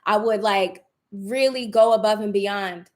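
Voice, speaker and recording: A woman's voice: medium pitch, a little slow, darkish tone. A woman with a mid-range voice talks as a motivational coach. She is conversational and encouraging, addressing her viewers directly. She leans on key phrases and repeats them for emphasis. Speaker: self-help coach, vlogger. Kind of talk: casual motivational talk to viewers. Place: room at home.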